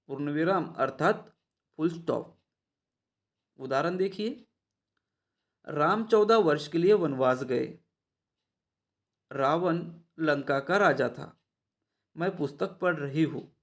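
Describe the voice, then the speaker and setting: A man teaching an online Hindi grammar lesson in a measured way, speaking to his students directly. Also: a little high, vocal fry. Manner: measured, addresses the students often.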